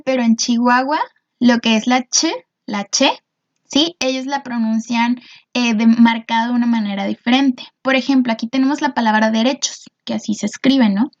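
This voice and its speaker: A woman's voice: on the high side, gravelly, darkish tone. Patient woman teacher, lo-fi sound. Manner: patient, often checks in with the class. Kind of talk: recorded class explanation.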